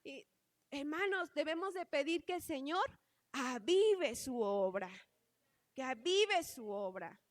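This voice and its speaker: High-voiced woman preaching. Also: animated, takes it slowly, dry recording. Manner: earnest, repeatedly calling the congregation brothers. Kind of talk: sermon.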